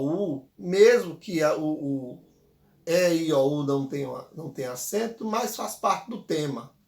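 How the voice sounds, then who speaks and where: A man teaching a grammar lesson, patiently repeating words slowly so the viewer can say them back. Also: a little high, reverberant. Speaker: Tupi language teacher.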